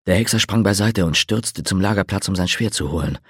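A man narrating a fantasy audiobook in an expressive storytelling manner. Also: low voice, fairly quick, husky, dry recording, clean studio sound.

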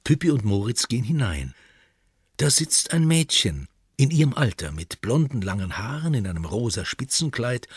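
Man reading a children's story, lively. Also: fairly low pitch, breathy edge, no echo, studio quality. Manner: expressive reading. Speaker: narrator.

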